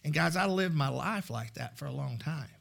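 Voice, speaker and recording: A man preaching a sermon in a church, speaking candidly, with many halting restarts. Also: fairly high pitch, expressive, creaky, fairly bright tone. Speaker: guest preacher. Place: church sanctuary.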